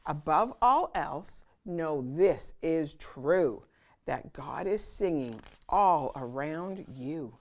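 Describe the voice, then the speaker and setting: At a kids' storytime, a woman with a low-sitting voice reads from a picture book. The delivery is animated and sing-song, with pauses held for drama.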